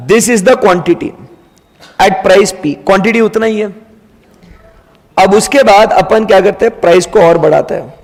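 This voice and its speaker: A man's voice: high-pitched, long reverb tail. A male teacher giving a classroom economics lecture who asks questions and then answers them himself.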